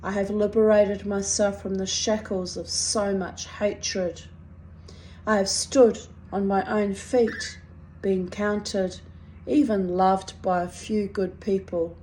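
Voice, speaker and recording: A middle-aged woman with a strong New Zealand accent reads her own personal writing aloud in a wry, deliberate, dramatic way. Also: mid-range voice, little pitch movement, warm tone, a little hiss or hum, rough recording. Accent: strong New Zealand (Kiwi). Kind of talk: expressive reading of personal confessional prose.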